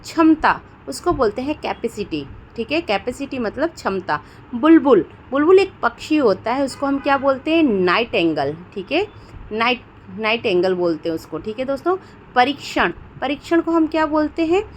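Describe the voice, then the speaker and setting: A woman's voice: sits high, very animated, moderate pace, a little hiss or hum. A woman with an Indian accent teaching English words, who keeps checking in with her listeners and asks each question before she answers it. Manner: repeats "theek hai doston" often and asks questions before giving answers. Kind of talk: spoken vocabulary lesson.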